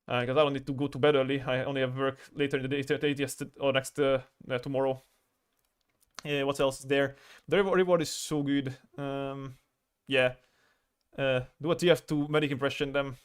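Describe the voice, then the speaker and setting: A man's voice: medium pitch, flat delivery, a little fast, clean tone. A man livestreaming as an artist, chatting casually while he draws, rambling, stammering and swearing freely. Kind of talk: casual chat while drawing on stream.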